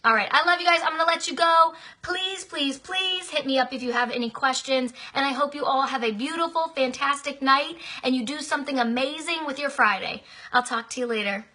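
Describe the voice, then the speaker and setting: A woman's voice: high-pitched, a little fast, hardly any pauses, sharp tone. A chatty, effusive woman giving a motivational live-stream talk to her business team, answering viewer comments and repeating herself affectionately. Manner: chatty and effusive, talks at length.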